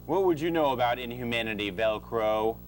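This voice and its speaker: Guy playing scheming professor dad, pompous, fake friendly, medium pitch, audio comedy, slight hum. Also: lively intonation, a little fast, lightly acted. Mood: condescending. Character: smooth-talking, scheming, unethical professor and doctor father. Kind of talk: amateur comedy audio drama acting.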